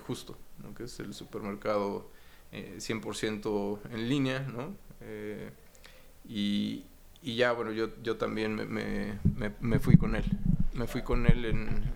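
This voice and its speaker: A man in his forties from Mexico City with a Mexican accent, talking casually as an interview guest, relaxed and rambling with many fillers. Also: on the low side, creaky, a little hiss or hum. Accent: Mexican Spanish. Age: 40s. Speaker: guest, finance executive.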